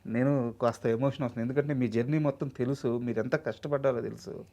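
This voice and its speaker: Fast-talking male interviewer. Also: medium pitch, steady tone, dark tone. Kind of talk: conversational interview.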